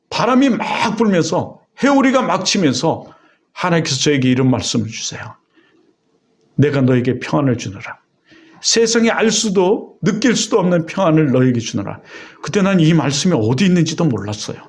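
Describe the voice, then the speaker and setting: A man pastor preaching a sermon, telling a personal story with emotion and exhorting his congregation. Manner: emotional storytelling with vivid retold dialogue; exhorting and rising in pitch on key points.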